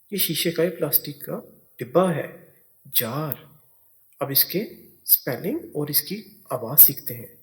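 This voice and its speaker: A man teaching English spelling and pronunciation, spelling words out letter by letter. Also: fairly high pitch. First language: Urdu.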